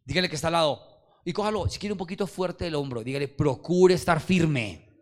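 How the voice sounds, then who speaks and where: A man preaching a Sunday sermon, calling out to the congregation and swinging from loud exhortation to quiet low asides. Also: animated, fast talker. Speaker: pastor. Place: church service.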